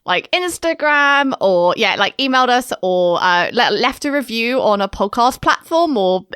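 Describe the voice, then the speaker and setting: A young English woman with an RP accent, chatting on a podcast from her bedroom, enunciating crisply but rambling with many fillers. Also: a little high, lively intonation, moderate pace, fairly bright tone, dry recording, clean studio sound. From England. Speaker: podcast co-host. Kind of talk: casual chat. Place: bedroom at home.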